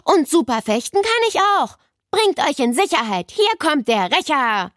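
A woman voicing a boastful, rowdy schoolboy in a children's story, shouting and bragging. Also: high voice, big pitch swings, measured pace, no echo, studio quality, voice pushed up.

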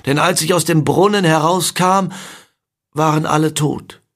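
Male reader as a young boy recounting loss, subdued, a bit high-pitched. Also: fairly even intonation, unhurried, fairly bright tone. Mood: somber. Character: young boy recounting his family's death.

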